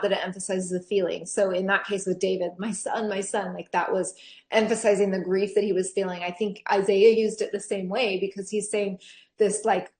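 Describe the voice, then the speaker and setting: A woman teaching a scripture class to teens in a chatty, animated way with frequent laughs and fillers. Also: mid-range voice, roomy sound.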